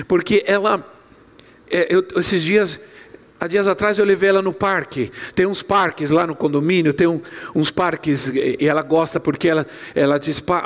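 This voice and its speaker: Older male pastor, storytelling sermon, high-pitched, church reverb. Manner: storytelling, acts out quoted voices. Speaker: preacher.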